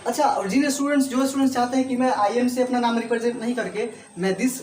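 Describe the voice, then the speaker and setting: A man's voice: very high-pitched, steady tone, fast, reverberant, noisy background. A man teaching English to a class with an Indian accent, repeating points and often checking that students follow. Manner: repetitive, checks understanding often.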